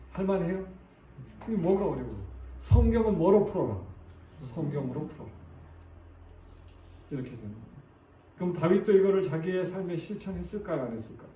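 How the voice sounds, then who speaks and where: Male preacher, sermon, asks the congregation questions, slightly high voice, far from the mic, echoey church. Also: dark tone, slight background noise. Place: church sanctuary. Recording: echoey church recorded from a distance.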